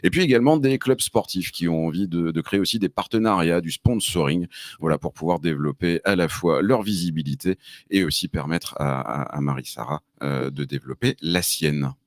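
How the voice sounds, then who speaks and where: A man's voice: low-pitched, brisk, no echo. A man co-hosting a live web radio show, reading member news with a teasing, hesitant manner. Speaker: co-host. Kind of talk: casual radio chat.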